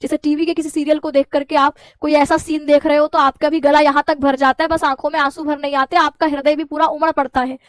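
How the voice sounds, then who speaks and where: A woman teacher explaining a poem line by line, reading verses slowly and then paraphrasing them in plain words. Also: high-pitched, little pitch movement, no room sound. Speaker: Hindi teacher.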